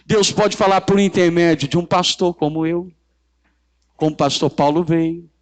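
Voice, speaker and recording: A man's voice: a little high, flat delivery, moderate pace. A man with a Brazilian Portuguese accent preaching a church sermon, emphatic and repetitive, drawing call-and-response from the congregation. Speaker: pastor.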